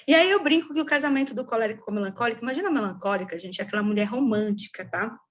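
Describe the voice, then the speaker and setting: A woman giving a chatty, joking lecture as a coach, with a slightly higher voice. She keeps checking in with her listeners as she explains. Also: racing. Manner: joking, chatty, frequent "né, gente". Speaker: temperament coach. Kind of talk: casual lecture.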